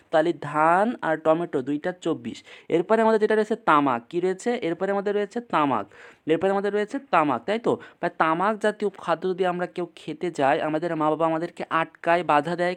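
A tutor runs a casual memory lesson in a mid-pitched voice. Each point is repeated several times and followed by quick checks to the listener. The delivery stays informal and drill-like throughout.

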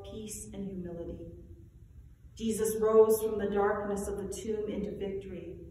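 A woman's voice: mid-range voice, warm tone, a little hiss or hum. Brief: female pastor, solemn liturgy, cathedral echo, far from the mic, long reverb. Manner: measured, solemn delivery. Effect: heavy cathedral-like echo. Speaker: pastor presiding at communion. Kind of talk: reciting a church liturgy. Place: large church sanctuary. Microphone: distant room mic. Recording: echoey church hall from far off.

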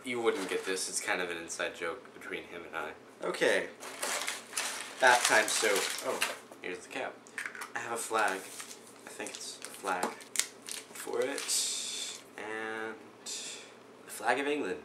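A man vlogging casually as he unboxes a package, excitable and rambling with frequent stumbles. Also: fairly low pitch, unhurried, heavy background noise. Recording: roomy echo.

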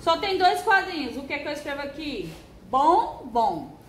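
A high-voiced woman with a Brazilian Portuguese accent leads a young class through syllables, her pitch swooping up and down as she stretches out each word. She talks slowly and patiently, like a primary school teacher. Her voice rings in an echoey room with a faint hiss underneath. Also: animated, a bit bright. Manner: slow, sing-song syllable drilling with stretched words. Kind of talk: recorded first-grade handwriting lesson.

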